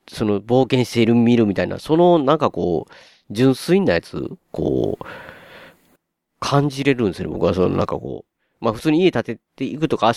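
A man with a Kansai accent, chatting on a podcast as a co-host and telling stories in an animated way, acting out his own surprised reactions. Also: mid-range voice, gravelly, no room sound, clean studio sound. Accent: Kansai Japanese. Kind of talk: casual podcast chat.

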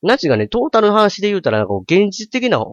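A man in his forties with an Osaka accent, telling stories in casual chat, animated and full of sound effects. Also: sits high, racing, dry recording, muffled recording. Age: 40s.

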